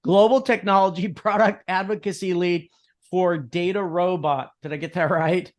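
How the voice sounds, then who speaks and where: A man's voice: high voice, fairly even intonation. A man hosting a podcast, interviewing a guest in a chatty, joking way. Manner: chatty, jokey, quick bursts of speech. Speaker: podcast host. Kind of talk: casual interview.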